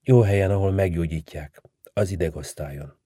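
A gentle, soothing older nurse, as a man reading a story puts her on, soft and quiet in manner. The voice stays deep and dark, with a dry, close sound and no room around it. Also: breathy edge, dry recording. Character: older female hospital nurse, calm and kind. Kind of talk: audiobook reading.

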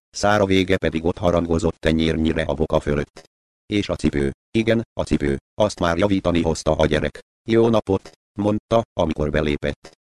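A man reading a literary short story aloud in a measured, descriptive way. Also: low voice, dry recording. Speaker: narrator.

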